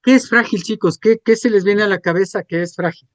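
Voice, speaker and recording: A man's voice: high voice, a little fast, no echo. A man, teaching a class and checking in with students through frequent questions. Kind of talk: classroom lecture.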